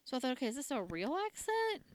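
Chatty woman with a lively voice. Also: high voice, fast talker, dry recording. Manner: chatty, laughs often, acts out quotes. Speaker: podcast co-host recapping a TV drama. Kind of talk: casual chat.

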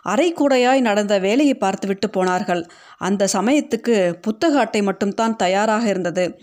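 A woman narrating a short story in an audiobook, reading in a steady, measured way. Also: mid-range voice.

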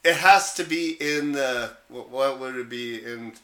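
This man co-hosts a podcast, chatting casually about guns at a measured pace in a medium-pitched, bright, forceful voice. He's informal and blunt and occasionally swears mildly, and the sound is roomy.

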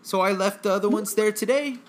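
A man's voice: high voice, brisk. A man co-hosting a casual podcast, rambling and swearing offhandedly with frequent restarts. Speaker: podcast co-host. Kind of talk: casual chat.

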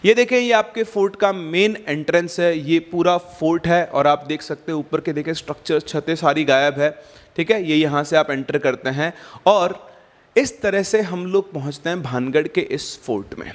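A man's voice: fairly high pitch, moderate pace, in a large hall. Chatty man narrating a tour. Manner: conversational, chatty asides, mixes English words. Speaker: travel vlogger and storyteller. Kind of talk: casual on-location tour narration. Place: at a ruined hilltop fort.

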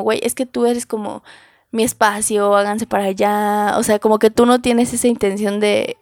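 A young woman with a Mexican Spanish accent chats candidly, leaning on slang and repeating her words. Her voice sits a little high with a gravelly fry running through it. The sound is dry and close, with no room around it. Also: a little mellow, no room sound. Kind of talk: casual conversation.

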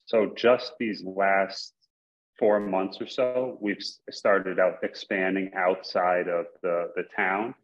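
A man from upstate New York joins a podcast as a guest over a remote call, explaining things in a steady, measured way full of "basically" and "you know". His voice is very low, and the call audio is dull and lo-fi. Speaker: guest, coffee company investor. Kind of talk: casual interview answers.

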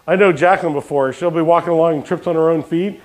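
High-voiced man preaching a sermon. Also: fast. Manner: call-and-response questions to the congregation; jokey asides. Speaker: pastor.

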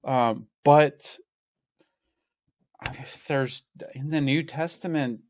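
A man explaining theology in a casual conversation, measured and explanatory. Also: mid-range voice, a little mellow, no echo, clean studio sound.

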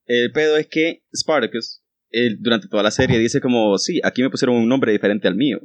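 A young man, co-hosting a casual chat and telling animated stories full of crude slang. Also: medium pitch, a little fast, no echo, highs cut off.

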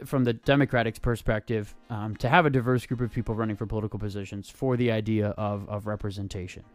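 A man co-hosting a podcast, explaining his view in a measured way with some stammered restarts. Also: medium pitch, a little mellow, no echo. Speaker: podcast co-host. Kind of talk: casual political chat.

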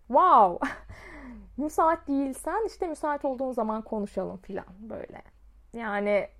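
Brief: high-pitched woman, a teacher, chatty and self-mocking as she tells a story. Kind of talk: casual storytime vlog.

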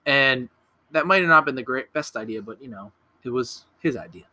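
A man's voice: medium pitch, expressive, a little fast, sharp tone. A young man casually recapping a horror movie on a podcast, rambling, swearing and correcting himself as he goes. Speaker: podcast co-host.

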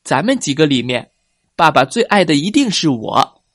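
A man's voice: a little high, very animated, moderate pace, fairly bright tone, no echo, clean studio sound. A man voicing a boastful baby ankylosaur in a children's story, talking in a bragging singsong. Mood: smug bragging. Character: boastful baby ankylosaur, young male, smug.

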